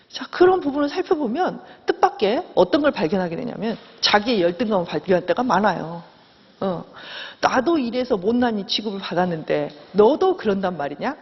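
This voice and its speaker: A middle-aged woman lectures with a lively, rising and falling voice and a slightly husky tone. She acts out the voices she quotes as she teaches. The recording is dull and lo-fi, with a long reverb from a large hall. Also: medium pitch. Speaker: professor.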